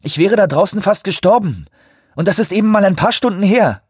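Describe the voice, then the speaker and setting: A man's voice: fairly high pitch, moderate pace, mellow, husky, no echo, studio quality, voice pushed up. A man voicing a stubborn, upset young woman who pleads and snaps back, in an audiobook reading. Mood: agitated. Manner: agitated, pleading and defiant.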